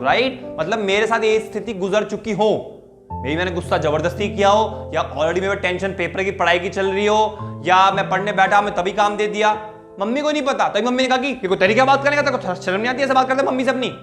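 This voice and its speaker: Young guy psychologist talking it through casually, high voice, keeps saying right? okay?, music playing under him. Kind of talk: casual explanatory talk.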